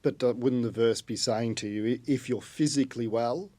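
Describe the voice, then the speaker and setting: A man's voice: medium pitch, normal speed, dark tone. A man hosting a podcast interview, pressing his guest with probing, challenging questions. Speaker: podcast host.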